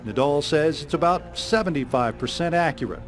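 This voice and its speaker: American TV reporter, higher-pitched man. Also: lively intonation, normal speed, soft background music. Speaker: TV news reporter. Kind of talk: scripted news narration.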